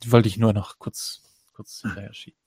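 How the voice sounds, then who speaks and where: Flat-voiced man with a dry sound. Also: fairly low pitch, brisk, husky, no echo. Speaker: podcast co-host. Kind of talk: casual chat.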